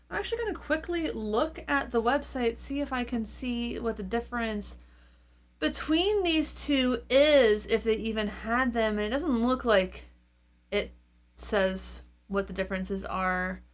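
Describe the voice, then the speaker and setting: A woman with a fairly bright, higher voice hosts a gear channel and demos equipment off the cuff, thinking aloud in loose fragments as she reviews. An electric guitar plays through effects pedals behind her.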